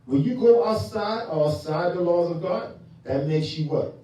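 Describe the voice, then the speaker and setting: A man teaching scripture in a call-and-response style, pressing the class with questions and repeating key words. His voice is mellow and somewhat high, and it sounds distant in a very echoey hall. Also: animated, normal speed, a little hiss or hum. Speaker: teacher leading Bible class. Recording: echoey room from far off.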